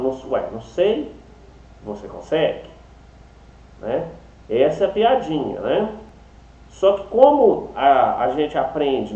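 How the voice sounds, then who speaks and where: A man's voice: fairly high pitch, dark tone. A man with a Brazilian accent teaching an English class, explaining step by step and checking in with "né?" and "tá?" after almost every phrase. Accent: Brazilian Portuguese. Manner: chatty, explains step by step, adds "né?" and "tá?" often. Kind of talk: online class lecture. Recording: slightly dull, echoey room.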